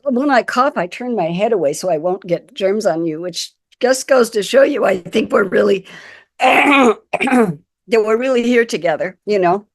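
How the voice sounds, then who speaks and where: Croaky nasal woman with a cold. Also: mid-range voice, dry recording, clean studio sound. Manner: apologetic, coughs and clears throat. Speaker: guest speaker, community consultant. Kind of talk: webinar talk. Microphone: video call.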